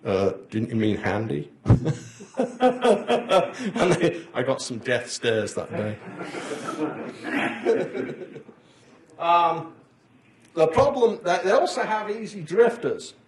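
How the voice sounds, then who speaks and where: A man's voice: sits high, very animated, very slow, long pauses. An older man giving a conference lecture, rambling through anecdotes and chuckling at his own stories. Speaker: conference presenter. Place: conference hall. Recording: roomy echo of a conference hall.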